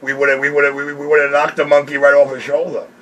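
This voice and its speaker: A man's voice: on the high side, monotone, fast talker, a bit bright. A man talking over CB radio, mocking and complaining about another operator. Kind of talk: radio chatter. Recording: distant radio audio with faint hiss.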